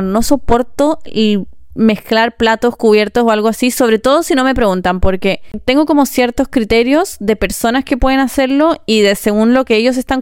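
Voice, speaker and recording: A young woman with a Chilean Spanish accent, ranting casually in a vlog, swearing freely and talking in quick bursts broken by pauses. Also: on the high side, clear, resonant tone, dry recording, clean studio sound. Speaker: vlogger.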